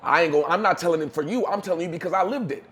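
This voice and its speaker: A man's voice: fairly high pitch, rapid-fire, fairly bright tone. A man giving emphatic, preachy motivational talk on a podcast, using street slang. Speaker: podcast co-host.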